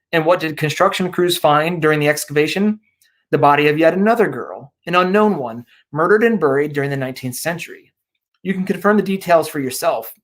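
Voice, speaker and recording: A man from upstate New York, an author reading his own horror story aloud over a video call and then chatting in a Q&A. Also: a little high. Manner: measured reading; chatty with fillers in talk.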